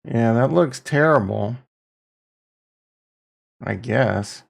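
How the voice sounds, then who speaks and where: A man hosting a livestream in casual, rambling, self-deprecating slangy chat, with a gravelly morning voice. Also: medium pitch, drawn-out words. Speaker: livestream host.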